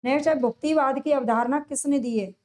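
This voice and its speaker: A woman with a high voice teaching an exam-prep lesson. She asks each question and answers it herself, and she stretches out and repeats the key answers so students remember them. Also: darkish tone. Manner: drawn-out, stressed delivery on answers. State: sore throat.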